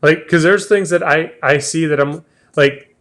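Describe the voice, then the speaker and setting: A man's voice: on the high side, a little slow, fairly bright tone. A man hosting a casual travel chat, talking in a chatty way and restarting his sentences often. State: has the hiccups. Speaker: travel show host.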